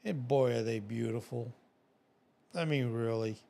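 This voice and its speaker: A man's voice: mid-range voice, unhurried, vocal fry, dark tone. A man hosting a nature documentary style narration, reading facts and wandering off into folksy, casual asides of his own. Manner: folksy, digressive, often commenting on his own script. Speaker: narrator and host of an animal video.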